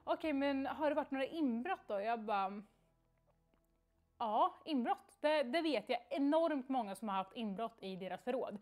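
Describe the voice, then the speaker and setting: A young woman on a livestream telling a story in a casual, animated way and acting out the quoted dialogue, with lots of fillers. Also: high voice, faint music behind. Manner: frequent fillers like "liksom" and "jag bara".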